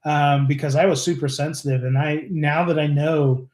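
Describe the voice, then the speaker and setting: A man with a fairly high voice talks on a casual live stream, earnest and rambling, circling back with fillers and restarts. The room around him is echoey, so his voice bounces a little off the walls. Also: steady tone, normal speed, darkish tone. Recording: roomy echo.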